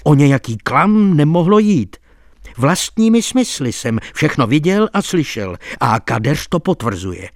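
A man's voice: a little high, sing-song, dry recording, voice pushed up. Give me an insistent male doctor swearing his ghost tale is true, read by a man in an audiobook, dry and close. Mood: earnest. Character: agitated male doctor telling a ghost story. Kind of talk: audiobook reading.

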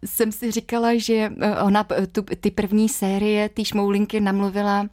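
Chatty middle-aged actress telling stories. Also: female voice, mid-range voice. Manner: chatty, lively storytelling with fillers and quoted voices. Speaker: interview guest, actress and dubbing artist. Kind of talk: conversational interview.

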